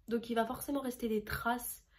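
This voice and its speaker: A woman's voice: fairly high pitch, steady tone, moderate pace. Chatty young woman doing a makeup tutorial. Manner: chatty, rambling, self-deprecating. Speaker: beauty vlogger. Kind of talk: casual makeup tutorial chat.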